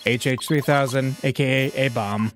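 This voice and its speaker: A man voicing a curt male bomb squad specialist in a game playthrough, speaking in a flat, robotic, synthesized-sounding monotone with clipped, terse phrases. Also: mid-range voice, moderate pace. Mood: robotic deadpan. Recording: game music playing behind.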